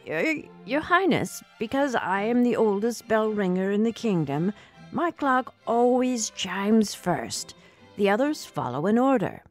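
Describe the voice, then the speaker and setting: A woman's voice: medium pitch, very animated, measured pace, a little mellow, faint music behind, voice pushed up. A woman voicing a timid, stammering wee old male bell ringer in a storybook tale. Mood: nervous. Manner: stammering, deferential.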